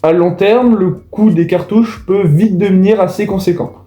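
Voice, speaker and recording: A man's voice: sits high, steady tone, normal speed, highs cut off. A man explaining things to viewers in a casual voice-over. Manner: casual, addresses viewers directly. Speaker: video host. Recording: echoey room with faint music.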